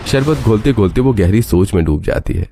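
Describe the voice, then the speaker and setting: A man narrating a cartoon story in a steady storytelling style. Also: on the low side, a little fast. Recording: faint background noise.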